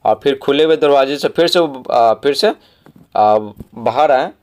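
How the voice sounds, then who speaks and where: A man teaching schoolchildren. He explains exam answers, spells words out letter by letter and reads the English lines slowly. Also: mid-range voice, a little mellow. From Bihar, India.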